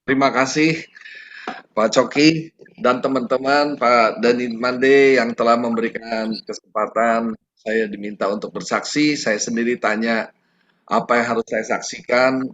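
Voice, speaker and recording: Halting middle-aged man giving testimony. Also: fairly low pitch, fairly bright tone, dull audio. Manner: halting and conversational, many fillers and restarts. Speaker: testimony giver. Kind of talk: personal testimony at a prayer meeting.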